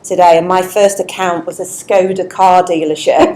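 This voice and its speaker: A woman's voice: fairly low pitch, fairly even intonation, moderate pace, a little mellow, low-quality recording. A woman from Leeds, a chief executive telling her career story in a chatty, self-deprecating way at an on-stage interview, speaking into a wireless mic. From Leeds, England. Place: indoor networking event. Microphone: wireless microphone.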